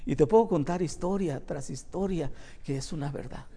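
High-voiced pastor preaching. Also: male voice, normal speed, vocal fry, breathy edge. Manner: emphatic preaching, swinging from loud cries to hushed asides. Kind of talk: evangelical sermon.

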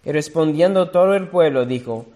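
A man's voice: on the high side, mellow. Preacher man reading scripture in a hall. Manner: slow, deliberate reading with self-corrections. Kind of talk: sermon reading scripture aloud.

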